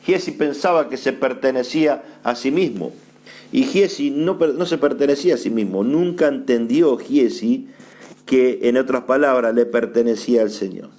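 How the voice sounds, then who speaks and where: A man's voice: medium pitch, moderate pace, darkish tone. A man with an Argentine Spanish accent, an apostle preaching a sermon, asking rhetorical questions, answering them himself and repeating phrases for emphasis.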